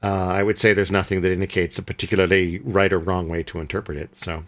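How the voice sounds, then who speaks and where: A man with a fairly low voice co-hosts a casual film podcast. He rambles in an easygoing way, restarting sentences and filling pauses with "uh" and "um" as he works out his thoughts. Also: little pitch movement. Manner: rambling, hesitant with many fillers and restarts. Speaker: podcast co-host.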